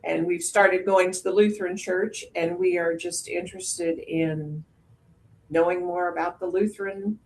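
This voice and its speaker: Older retired minister, woman, slow gravelly speech, hesitant call intro. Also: lowish voice, steady tone, a little hiss or hum. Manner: hesitant, with pauses and fillers. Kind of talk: introducing herself on a video call. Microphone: video call.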